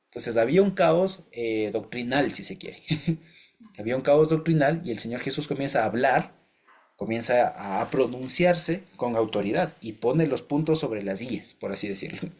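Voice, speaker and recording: A man with an Ecuadorian Spanish accent teaching a Bible study in a relaxed, conversational way, often checking that listeners follow him and chuckling between phrases. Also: mid-range voice, normal speed.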